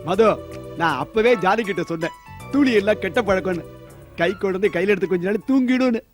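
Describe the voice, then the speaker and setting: A man's voice: sits high, brisk, faint music behind, close to an everyday voice. An actor playing a bossy older male relative who scolds the young father in a stage comedy. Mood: scolding. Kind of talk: Tamil stage comedy acting.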